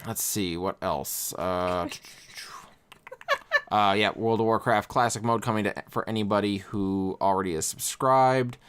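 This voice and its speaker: A man's voice: fairly low pitch, a little slow, fairly bright tone, a little hiss or hum. A man co-hosting a gaming podcast, reeling off news with sardonic jokes and a mock news-reader manner. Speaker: podcast co-host. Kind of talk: casual chat.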